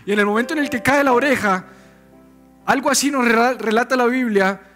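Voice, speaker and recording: A male pastor preaching a sermon in an animated, conversational way, full of rhetorical questions. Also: very high-pitched, a little fast, faint music behind.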